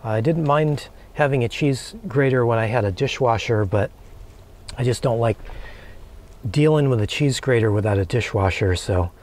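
A man in his forties calmly talking through a recipe while cooking in a small camper van kitchen, with many relaxed "uh"s. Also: medium pitch. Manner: calm, unhurried, many filler "uh"s. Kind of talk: casual cooking demonstration.

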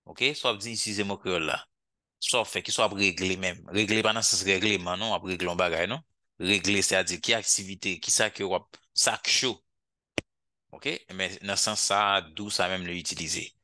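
Male English teacher, low bright voice, close dry sound, slow repeated drills. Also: no room sound. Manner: drills English phrases slowly, asks "ok?" often. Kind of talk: language lesson.

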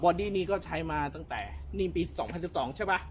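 Chatty high-voiced man selling jet skis. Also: expressive, quick pace, husky. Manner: chatty, polite, with frequent fillers and self-corrections. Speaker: jet ski shop salesman. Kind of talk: casual sales walkthrough.

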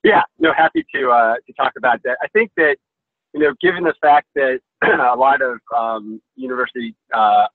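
A man answers on a webinar panel over a video call that keeps breaking up. His tinny, narrow call audio sounds dry and close, with no room around it. He explains in a measured, steady way, full of "uh" and "if you will.". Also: medium pitch, no echo. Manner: measured, filler-heavy explaining. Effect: heard over a video call that cuts out. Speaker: investor panelist.

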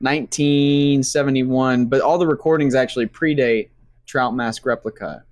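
A man's voice: mid-range voice, normal speed, dry recording. Rambling man reviewing albums, dry sound. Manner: rambling, cursing, laughs mid-sentence. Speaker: podcast co-host. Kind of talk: casual album review chat.

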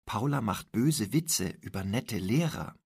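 Male reader voicing a flustered, indignant schoolgirl; slightly raised, gravelly, husky tone. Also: on the low side, expressive, a little slow, a little mellow, dry recording, clean studio sound, heavily acted. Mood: sarcastic. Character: upset teenage schoolgirl.

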